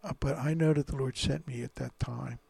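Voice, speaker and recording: A man, a priest, reading the Gospel dramatically and preaching, dropping to hushed whispers at moments of feeling. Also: medium pitch, steady tone, brisk, gravelly, slightly rough, dry recording.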